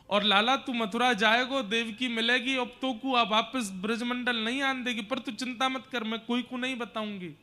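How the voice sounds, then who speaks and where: A grieving village mother, loving but resigned, speaking tearfully in a rustic dialect, as a male storyteller puts her on. The tone is bright and fairly high, with faint devotional music behind. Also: smooth, full character voice.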